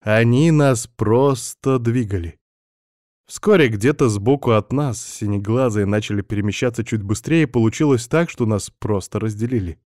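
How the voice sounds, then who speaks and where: A man reading a first-person story aloud in a steady, scripted audiobook narration. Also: mid-range voice, normal speed, dry recording, studio quality.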